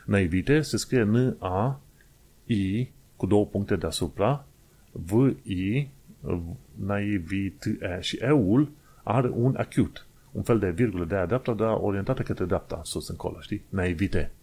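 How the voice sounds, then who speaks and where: A man's voice: on the low side, darkish tone, husky. A man from Romania talking casually in a monologue, explaining things step by step in a chatty, digressive way with small hesitations.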